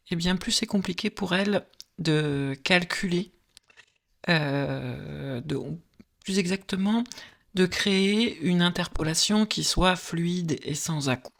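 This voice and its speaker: A woman narrating a screen-recorded software tutorial, explaining step by step with frequent hesitant filler pauses. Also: low voice, creaky.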